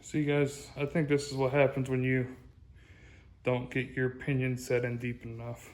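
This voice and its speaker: A man's voice: mid-range voice, moderate pace, echoey room. A man talking casually as he takes apart a truck axle in a garage workshop, explaining each step as he goes. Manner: relaxed, explains steps as he works. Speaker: co-host working on a truck axle. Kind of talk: casual shop talk.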